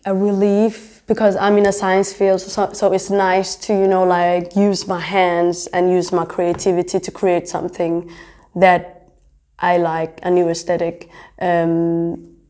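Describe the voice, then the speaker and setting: Fairly low-pitched and warm, this voice stays monotone and a little slow. It belongs to a young Danish adult, a fashion designer and entrepreneur, who reflects on her work in a casual interview.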